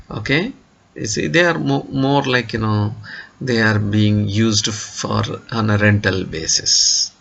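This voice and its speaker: Indian english guy lecturing slow, gravelly low voice, keeps saying you see, okay. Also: a bit bright, highs cut off, a little hiss or hum. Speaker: engineering lecturer. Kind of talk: classroom lecture.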